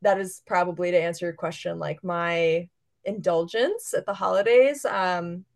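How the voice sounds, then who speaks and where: A woman's voice: fairly low pitch, normal speed, darkish tone. A woman chef as a guest, chatting casually and enthusiastically, filling her talk with "like". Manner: chatty, fillers of "like" throughout; enthusiastic, gushing. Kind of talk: casual interview chat.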